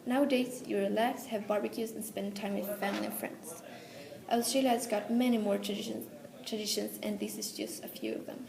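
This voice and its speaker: A woman's voice: mid-range voice, steady tone, fairly quick, gravelly, a crowd in the background. A teenage girl with a Swedish accent carefully reads a school presentation in English. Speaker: student presenter. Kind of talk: school presentation read aloud. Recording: echoey room with faint hiss.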